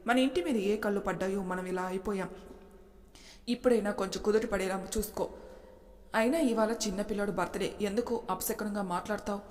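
A woman's voice: medium pitch, steady tone, a little fast, darkish tone, lightly acted. A woman voicing a stern older mother-in-law who scolds firmly, with a long reverb. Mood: scolding. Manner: scolding and firm.

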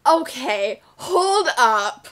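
A woman's voice: high voice, sing-song, drawn-out words, over music. A young woman in her twenties, chatting and laughing in a teasing, bubbly way from her bedroom. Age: 20s. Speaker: vlogger. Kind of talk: casual chat and video-chat banter.

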